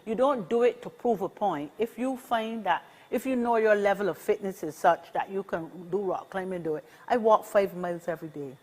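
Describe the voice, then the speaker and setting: A Barbadian woman in her sixties, representing a senior advocacy organization, speaks briskly with hardly any pauses in a medium-pitched, darkish voice. As an interview guest in a casual conversation, she's upbeat and encouraging, repeating key phrases.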